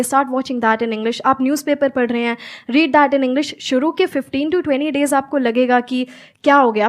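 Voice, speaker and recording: A woman in her twenties from Haryana, telling her story as an interview guest in an explanatory way, switching into English phrases. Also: sits high. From Haryana, India. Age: 20s.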